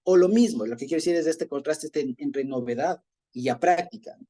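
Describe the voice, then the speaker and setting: With a warm, slightly high voice and a moderate pace, a man with an Ecuadorian Spanish accent teaches an informal Bible study. His manner is conversational, full of chuckles, and he often checks in with his listeners.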